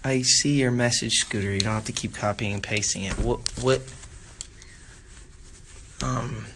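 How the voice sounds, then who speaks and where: Young guy sneaking around a hotel on a phone live, hushed and whispery, gravelly voice. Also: medium pitch, steady tone, a little slow, noisy background. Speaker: live streamer. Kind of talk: live-streamed hotel pranks. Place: hotel hallway. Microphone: phone held in hand.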